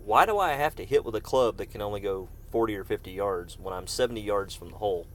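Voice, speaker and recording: A man's voice: fairly low pitch, fast. A man giving casual live-stream commentary while playing a game, chatting with viewers by name and breaking off now and then to cough. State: coughing fits. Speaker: gaming streamer.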